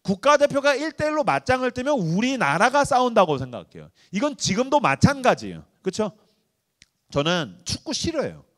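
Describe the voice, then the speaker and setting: A man's voice: very high-pitched, moderate pace. A male pastor preaching to a youth retreat, talking casually, joking and acting out little dialogues. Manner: animated, acts out dialogues, joking slang.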